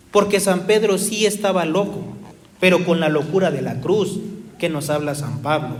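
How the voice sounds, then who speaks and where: A man preaching an earnest, exhorting sermon, told as a story. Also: a little high. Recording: echoey hall reverb.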